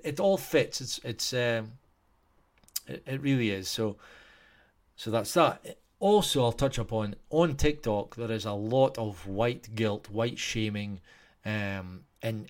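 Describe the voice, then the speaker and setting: A man with a Scottish accent talking casually to his viewers in a rambling way, full of restarts and fillers. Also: mid-range voice. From Scotland.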